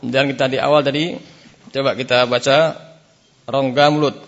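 A man teaching a beginners' Quran recitation class, sounding out letters, having students repeat and chanting verses slowly as examples. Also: mid-range voice, flat delivery, lo-fi sound, heavy background noise. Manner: chants verses slowly to show right and wrong. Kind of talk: classroom tajwid lesson. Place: Islamic boarding school class.

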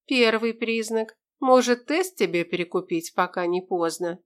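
A woman's voice: fairly high pitch, unhurried, smooth, lightly acted. A woman reading an audiobook, voicing a blunt, bossy woman soldier who scolds coarsely. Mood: teasing.

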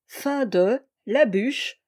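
Woman, literary audiobook narration, expressive, dramatic, somewhat high voice. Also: drawn-out words. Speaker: audiobook reader.

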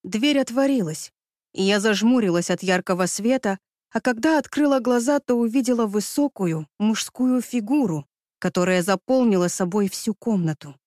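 A woman's voice: medium pitch, moderate pace, darkish tone, no room sound, clean studio sound. A woman reading a first-person story aloud with tense, dramatic delivery. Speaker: audiobook narrator. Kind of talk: first-person scripted narration.

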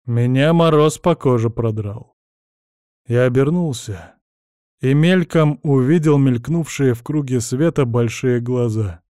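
Mellow-voiced man reading an audiobook. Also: medium pitch, unhurried, no room sound, clean studio sound. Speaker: audiobook reader. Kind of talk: first-person audiobook narration.

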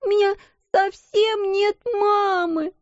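A woman's voice: fairly even intonation, slow pace, dry recording, muffled recording. A woman voicing a small weeping girl who wails and sobs. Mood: wailing. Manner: wailing, sobbing, shrill.

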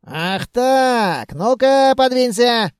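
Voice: medium pitch, animated, a little slow, no echo, clean studio sound, natural voice. A reader doing a crafty, grumbling trickster. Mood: quarrelsome. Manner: loud haggling, grumbling and scheming. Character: crafty stubborn plump male trickster. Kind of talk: audiobook reading.

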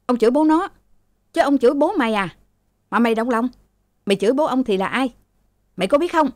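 A woman voicing a quarrelsome young man who hurls insults quickly in a raised voice. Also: on the high side, expressive, no room sound, voice pushed up, lightly acted. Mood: insulting. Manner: rude, rapid and shouting.

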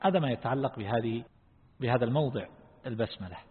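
A man with a husky, slightly raised voice teaches a religious lesson. He explains slowly and deliberately and quizzes his listeners. The sound is thin and phone-like, with a long reverb from the hall. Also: mid-range voice. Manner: asks the class questions. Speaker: Islamic scholar teaching Quran reflection.

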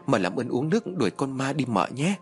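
A man's voice: mid-range voice, big pitch swings, fairly quick, close to an everyday voice. A man voicing a timid, frightened young servant girl who pleads with her mistress in a storybook tale. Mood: pleading.

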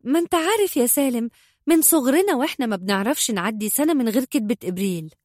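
A woman's voice: fairly high pitch, lively intonation, fast, a little mellow, no room sound, studio quality, pitched above the performer's own voice. A woman voicing an anxious Egyptian young mother. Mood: coaxing. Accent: Egyptian Arabic. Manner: pleading, then scolding and indignant.

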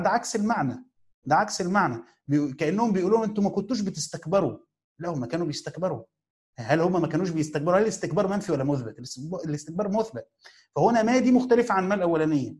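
A man's voice: fairly high pitch, darkish tone. A man with an Egyptian accent teaching a classical Quran commentary in casual lecture style, often asking his students questions and answering them himself. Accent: Egyptian Arabic. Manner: asks and answers his own questions, drawn-out pauses.

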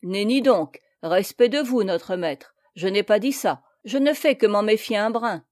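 A woman's voice: mid-range voice, measured pace, a little mellow, dry recording, close to an everyday voice. Brief: cunning rustic peasant, fifties, male, fake humility, read by a woman, dry sound. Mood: wheedling. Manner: rustic, evasive, wheedling. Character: sly middle-aged male peasant, falsely humble. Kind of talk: audiobook character reading.

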